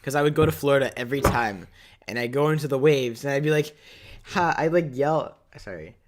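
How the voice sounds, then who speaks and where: A young man co-hosting a casual podcast, telling lively, profane stories. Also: mid-range voice, quick pace. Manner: animated, swearing, laughing storyteller. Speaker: podcast co-host. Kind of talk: casual chat.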